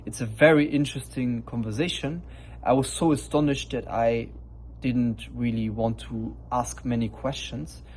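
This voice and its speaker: A man's voice: mid-range voice, fairly even intonation, moderate pace, darkish tone, breathy edge. A man hosting his own video, giving a casual, upbeat introduction. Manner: upbeat, casual, with a pirate-style sign-off. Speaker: host. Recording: faint background noise.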